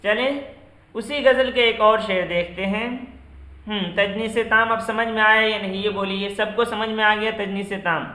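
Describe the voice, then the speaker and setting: A man with a high, bright voice teaches an online literature class. He explains slowly, repeats each term and quizzes his students by name. He sits back from the mic in an echoey room. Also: fairly even intonation, recorded from a distance.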